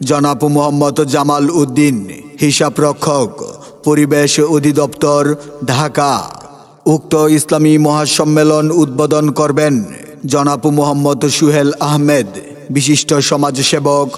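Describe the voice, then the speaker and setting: A man's voice: a little high, flat delivery, unhurried. A Bangladeshi man reading a scripted promotional announcement in a formal, declamatory public-announcement manner. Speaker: event announcer. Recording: echoey hall reverb over music.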